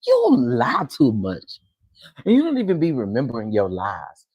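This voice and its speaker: Host reacting to a clip: a man with a gravelly, husky voice, loud and scolding, dry close sound. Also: mid-range voice, huge pitch swings, normal speed, no room sound, lo-fi sound. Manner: loud, scolding, talks straight to viewers. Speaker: reaction commentator. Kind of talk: reaction commentary.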